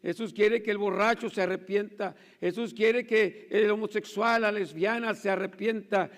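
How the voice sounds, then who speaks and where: A man preaches from the pulpit in a high voice. He keeps turning to his listeners with rhetorical asides and repeated phrases. The sound carries the long reverb of a church hall. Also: steady tone, normal speed. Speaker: pastor. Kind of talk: sermon.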